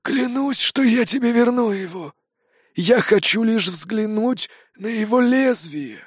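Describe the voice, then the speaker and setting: Raspy ancient old man in an audiobook, hushed and grave, rustling voice, dry close sound, a man acting him. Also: sits high, a little slow, no room sound, pitched above the performer's own voice. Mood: grave quiet. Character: ancient, hunched, grey old man, grieving father.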